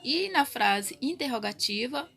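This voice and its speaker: A woman teacher with a high, bright voice walks young pupils through a recorded grammar lesson. She explains each point step by step and keeps checking in with them as she goes. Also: animated, measured pace. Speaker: primary school teacher.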